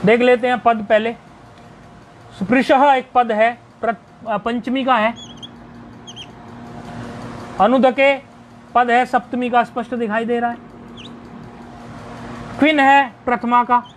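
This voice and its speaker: A man with a very high-pitched, level voice gives a recorded video lesson on Sanskrit grammar over slight background noise. He breaks everything down step by step, responds to his own questions, and slowly enumerates word forms.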